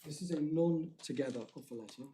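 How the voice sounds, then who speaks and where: A man's voice: a little high, a little fast, heavy background noise. A man, a barrister making a careful legal submission in court, stressing key words and restarting phrases.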